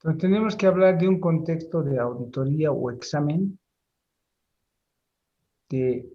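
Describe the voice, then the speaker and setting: A middle-aged man giving a university class lecture, speaking deliberately, pausing and repeating words as he explains. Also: on the high side, muffled recording.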